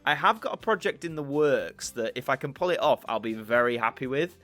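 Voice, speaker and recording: A young YouTube channel host from Yorkshire, England, answers viewer questions in a casual Q&A chat, thinking aloud as he goes. His accent is mixed northern English, mostly Yorkshire. His voice sits at medium pitch and sounds expressive and fairly bright at a fairly quick pace.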